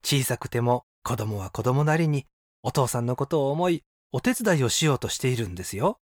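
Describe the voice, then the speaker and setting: A man voicing a kindly old woman passerby who speaks calmly and softly while reading a personal essay aloud. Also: mid-range voice, fairly quick, no room sound, clean studio sound, close to an everyday voice. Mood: gently admonishing. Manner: calm, softly admonishing.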